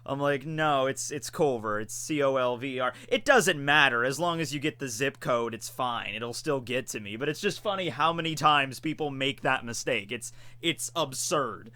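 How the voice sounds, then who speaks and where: Streamer, male, mid-twenties, bright and crisp voice, dry close sound, chatty and laughing. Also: medium pitch, moderate pace, hardly any pauses, no echo. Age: 20s. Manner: chatty, laughs often, reads and answers chat questions. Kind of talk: casual live-stream chat.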